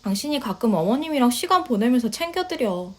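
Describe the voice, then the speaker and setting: A woman voicing a polite, soft-spoken young wife who talks quietly and hesitantly in a story reading. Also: a little high, sing-song, a little fast. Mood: gentle. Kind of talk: storytelling voice acting.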